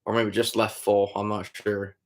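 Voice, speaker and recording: Dude on a live stream, kinda low voice, easygoing, calls everyone buddy. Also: male voice, level tone, moderate pace. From Iowa, USA. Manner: laid-back, calls chatters "buddy", trails off with "I don't know". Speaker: trapper hosting a live stream. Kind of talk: casual live-stream chat answering viewers.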